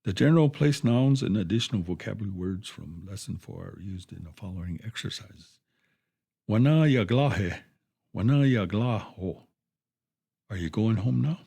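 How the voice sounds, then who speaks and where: A low, dark-toned man with a gravelly, husky voice leads a radio language lesson. He speaks very slowly and patiently, saying each phrase twice before giving its meaning. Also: lively intonation.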